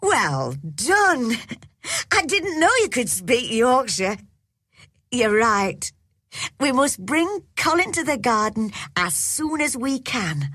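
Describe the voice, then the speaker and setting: A cheerful, encouraging country boy from a storybook, put on by a woman reading aloud. His voice is lively and a bit husky. The sound is close and dry. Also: a little high, takes it slowly, no echo, voice pushed up, exaggerated voice.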